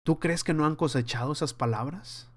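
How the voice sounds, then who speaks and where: A man's voice: on the high side, a little fast. Earnest man teaching the Bible. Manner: earnest, conversational preaching; acts out scenes in lively voices. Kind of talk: verse-by-verse Bible study.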